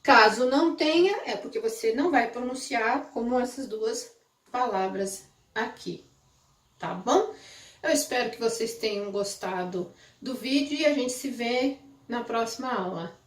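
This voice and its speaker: A Brazilian woman, a native Portuguese speaker, teaching an English pronunciation lesson in a slow, clear way and checking in with the class often. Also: on the high side. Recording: roomy echo, mic at a distance.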